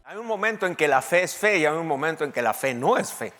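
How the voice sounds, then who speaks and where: A man's voice: a little high, quick pace, long reverb tail, faint music behind. A man preaching a sermon as pastor, speaking to the congregation and reading scripture aloud with emphatic repetition. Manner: lively preaching with quoted scripture and asides to the congregation.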